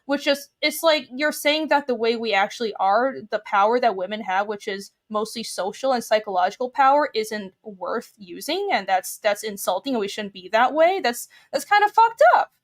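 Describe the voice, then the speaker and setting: A woman's voice: on the high side, expressive, normal speed, hardly any pauses. A young woman from Taiwan, a guest on a casual podcast chat, talking earnestly and opinionatedly in long run-on thoughts.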